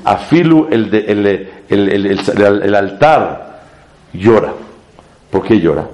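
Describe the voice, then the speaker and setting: A man teaching a Torah class to a live audience as a rabbi. He talks emphatically, sweeps up in pitch to stress his points, and mixes Hebrew terms into his speech. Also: expressive, takes it slowly, a little mellow.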